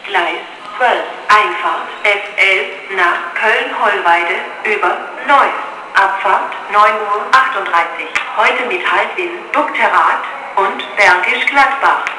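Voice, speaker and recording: A man making formal, measured railway platform announcements in segmented phrases over a public address system. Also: high-pitched. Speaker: station announcer. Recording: echoey, noisy, distant station loudspeaker.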